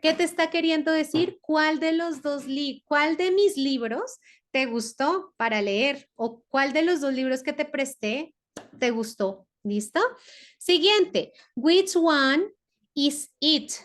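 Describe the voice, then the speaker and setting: A woman teacher from Colombia, explaining a lesson step by step and often checking in with her students. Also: high-pitched. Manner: slow, repeats words and checks with "¿listo?". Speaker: English teacher.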